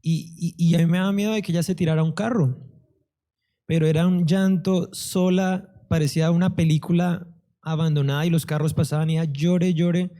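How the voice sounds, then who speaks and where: Guy giving his church testimony, kinda high voice, mellow tone, acts out the dialogue. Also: fairly quick. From Colombia. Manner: animated storyteller, acts out dialogue. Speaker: testimony speaker.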